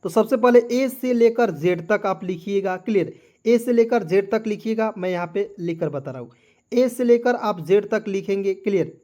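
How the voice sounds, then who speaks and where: A man's voice: high-pitched, normal speed, a little mellow. A man teaching a beginners' lesson, spelling words out letter by letter and often checking that listeners follow. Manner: repeats checks like "clear?" and "okay ji". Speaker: English teacher.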